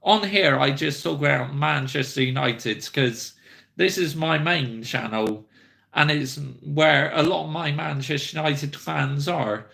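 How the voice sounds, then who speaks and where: A man in his thirties hosting a football live stream, chatting casually with viewers in an upbeat way and giving repeated shout-outs. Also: fairly high pitch, a little slow, vocal fry. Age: 30s.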